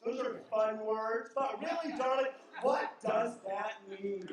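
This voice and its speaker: A man cutting a theatrical wrestling promo, flamboyant and calling everyone darling, shouting lines out to the crowd. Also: high-pitched, takes it slowly, heavy background noise. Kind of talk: in-ring wrestling promo on a microphone. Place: indoor wrestling arena. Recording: echoey arena from far off, loud crowd.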